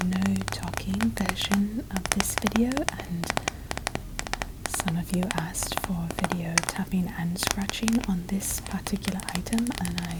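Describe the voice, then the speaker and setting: Whispering ASMR woman over loud tapping. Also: fairly low pitch, fairly even intonation, very noisy. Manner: soft, unhurried, rambling casual chat. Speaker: ASMR video host. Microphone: close ASMR microphone. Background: loud finger tapping and clicks.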